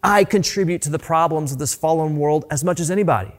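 A man's voice: a little high, fast. Earnest conversational male pastor preaching. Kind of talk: sermon.

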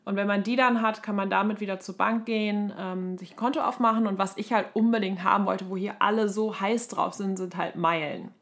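A woman in her thirties from Germany with a creaky, mid-pitched voice. She talks as a podcast co-host in a loose, colloquial, storytelling way, slipping English terms into her speech. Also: fairly even intonation, brisk, few pauses. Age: 30s. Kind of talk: casual conversational podcast chat.

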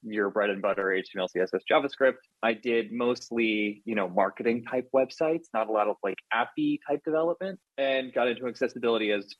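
A man's voice: medium pitch, fairly quick, hardly any pauses, dry recording, lo-fi sound. A man guesting on a podcast as a front-end engineer, chatting casually and poking fun at himself with lots of "like". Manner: chatty, self-deprecating, lots of "like".

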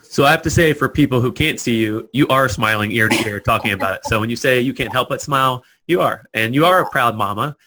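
A man hosting a podcast interview, gently encouraging and affirming his guest. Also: mid-range voice, fast, a little hiss or hum, poor audio. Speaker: podcast host. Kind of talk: conversational interview.

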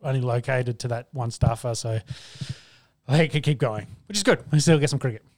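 A man's voice: mid-range voice, fairly quick. A man with an Australian accent co-hosting a casual sports chat. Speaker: sports podcast co-host.

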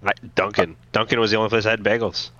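A man in casual podcast chat, quick and joking. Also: on the low side, level tone, highs cut off, crowd noise.

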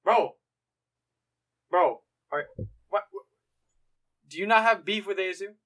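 A man's voice: sits high, a little slow, fairly bright tone. A young man co-hosting a casual podcast chat, playful, with exaggerated outbursts. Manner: playful, exaggerated outbursts, calls friend bro. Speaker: podcast co-host.

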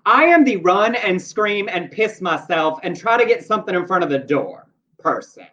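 A man hosting a casual chat show, talking quickly and emphatically with an indignant edge. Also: sits high, sing-song, pushed and bright. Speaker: podcast host. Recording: dull lo-fi sound.

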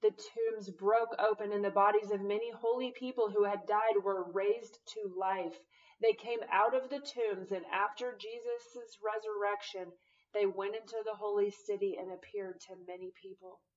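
A woman reading scripture aloud and adding her own explanations, in an earnest, measured way. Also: mid-range voice, fairly even intonation, far from the mic, dull audio. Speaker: Bible teacher.

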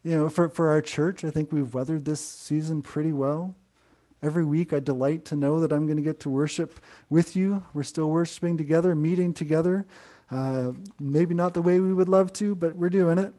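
A middle-aged man preaching a sermon to an online congregation, gentle and conversational, often restarting his phrases. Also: fairly high pitch, fairly even intonation, moderate pace. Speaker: pastor.

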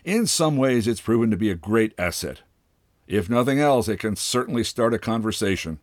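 A man voicing a bitter, pompous old father with a wooden leg, speaking with sardonic, drawn-out mockery in a storybook reading. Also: on the low side, lively intonation, no echo, studio quality, natural voice.

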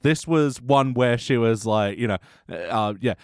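A man co-hosting a casual podcast, laid-back and quick to laugh. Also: mid-range voice, darkish tone, smooth, no room sound, clean studio sound. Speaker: podcast co-host.

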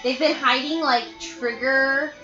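A woman with a slightly high voice rambles through casual chat, packing her talk with fillers and curses. Her voice rings in a roomy space over a dull, lo-fi sound. Music plays clearly behind her. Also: steady tone, slow, sharp tone. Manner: rambling, full of "like" fillers, swears. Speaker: podcast co-host.

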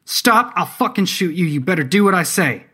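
A man's voice: mid-range voice, moderate pace, a bit bright, voice pushed up, natural voice. A man voicing a tough, swearing woman sheriff who covers her fear with brash bravado. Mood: shouting. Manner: brash, profane bravado over nerves.

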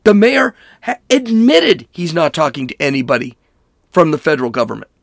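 A man's voice: on the high side, lively intonation, normal speed, gravelly, no echo, clean studio sound. A man giving angry, emphatic political commentary, hammering points through repetition. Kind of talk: ranting commentary.

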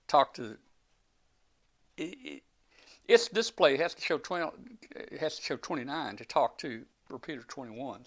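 On a live ham radio show, a guest operator with a slightly bright, higher-pitched voice talks casually and breathlessly. He rambles through technical points, restarting often.

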